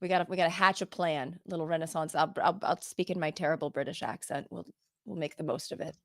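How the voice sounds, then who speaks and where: A woman's voice: deep voice, fast, dry recording, clean studio sound. A woman hosting a podcast in casual interview chat, bubbly and effusive, often bursting into exclamations. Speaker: podcast host.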